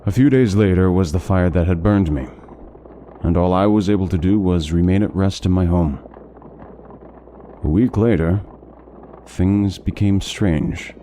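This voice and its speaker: Speaking at an extremely low pitch with a dark tone, a man plays a melancholy, courteous and learned wandering scholar in a fantasy audio drama. Music sits beneath his measured, formal phrasing as he narrates articulately.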